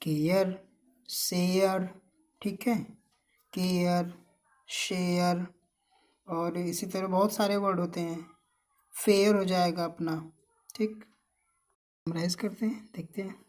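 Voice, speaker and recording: A woman's voice: fairly low pitch, fairly even intonation, a little slow, long pauses, darkish tone. A woman teaching English reading, drilling words by asking a question and then answering it herself. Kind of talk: slow phonics lesson.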